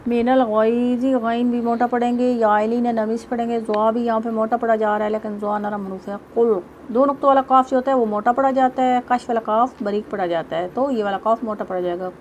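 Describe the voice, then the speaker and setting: A woman teaching tajweed, explaining each rule step by step and reciting verses slowly in a drawn-out melodic voice. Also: on the high side, a little mellow, slight background noise.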